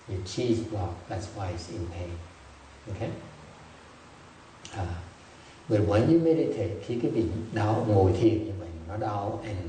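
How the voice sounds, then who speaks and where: In a deep, mellow voice, a Buddhist meditation teacher gives a dharma talk full of jokey anecdotes and playful storytelling. It was recorded in an echoey hall with a distant mic and a faint hiss.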